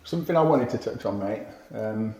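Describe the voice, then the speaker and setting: A man co-hosting a podcast, asking relaxed questions in casual chat. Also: lowish voice, fairly quick. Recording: dull, roomy sound off the mic.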